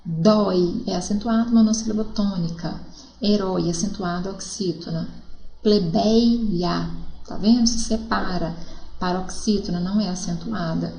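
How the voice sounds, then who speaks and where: A woman's voice: mid-range voice, steady tone, moderate pace, dark tone, roomy sound, low-quality recording. A woman teacher with a Brazilian Portuguese accent, explaining a lesson step by step and checking in with her students often. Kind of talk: classroom lesson.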